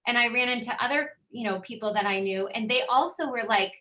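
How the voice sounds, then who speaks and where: A woman speaking casually on a training call, telling animated stories and acting out what people said. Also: fairly high pitch, brisk. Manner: animated storytelling, acts out quotes. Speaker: real estate agent, panelist.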